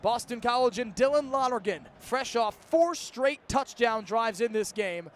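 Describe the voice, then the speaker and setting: A very high, expressive male voice, a little slow, delivers live radio play-by-play of a college football game outdoors. The announcer is in his twenties and talks in clipped, urgent phrases, while faint background noise and the stadium's ambience carry through.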